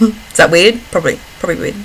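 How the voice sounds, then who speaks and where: This Australian vlogger talks fast in a lowish, husky, fairly bright voice while casually answering personal questions. She giggles and frequently cuts herself off to begin again, all captured on a rough recording.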